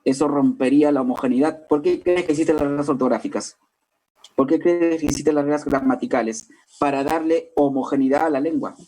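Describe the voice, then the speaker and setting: A male language teacher with a Lima Peruvian accent delivers a classroom lecture. His voice sits a little high yet sounds deeply mellow and dark. He explains point by point and keeps checking with his listeners that they follow. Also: a little fast, low-quality recording. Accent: Peruvian Spanish, Lima. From Peru.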